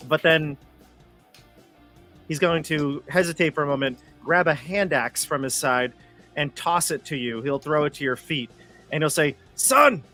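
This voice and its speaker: A man's voice: fairly high pitch, sharp tone. A man narrating his character's actions in a tabletop game, playful and teasing. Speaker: player.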